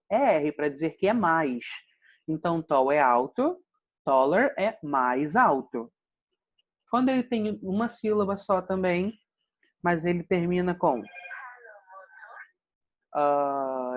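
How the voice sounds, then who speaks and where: A man with a Brazilian Portuguese accent, an English teacher calmly explaining grammar in an online lesson. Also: on the high side. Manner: patient, explanatory, frequent "né?" check-ins. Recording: dull lo-fi sound.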